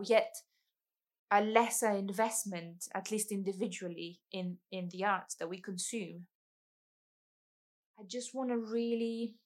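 A woman hosting a podcast, narrating a scripted, articulate argument. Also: mid-range voice. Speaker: podcast host.

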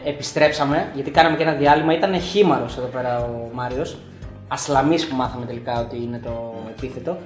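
A man's voice: medium pitch, reverberant, music in the background. A man hosting a casual podcast, putting listener questions to his guest and agreeing in short interjections. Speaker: podcast host.

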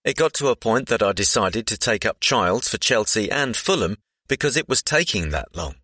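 A man's voice: fairly low pitch, animated, moderate pace, bright, forceful tone, husky, dry recording, studio quality. A man reading a scripted profile aloud.

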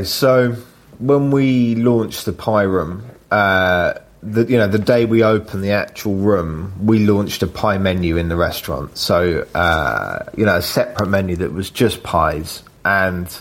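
A man, a chef, chatting casually in an interview with lots of fillers and tag questions. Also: sits low. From Britain. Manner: relaxed, rambling, with frequent fillers and tag questions. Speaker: chef and cookbook author.

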